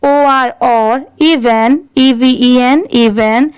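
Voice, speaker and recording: Drawing out her words in a smooth, fairly high voice, a woman teaches English reading on a dry recording. In this slow lesson she spells out every word letter by letter, then repeats it in full.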